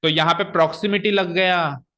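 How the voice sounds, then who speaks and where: A man's voice: high voice, fairly even intonation, normal speed, sharp tone. A man teaching an English grammar lesson to a class, explaining step by step and quizzing his students.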